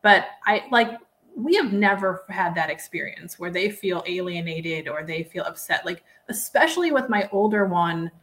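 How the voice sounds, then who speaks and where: A woman's voice: lowish voice, expressive, normal speed, fairly bright tone. A woman in her thirties hosting a podcast, chatting casually with lots of "like" fillers. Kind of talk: casual chat.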